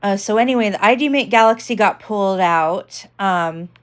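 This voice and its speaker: A woman's voice: mid-range voice, moderate pace. A woman vlogger giving a casual tech demonstration, rambling with lots of fillers.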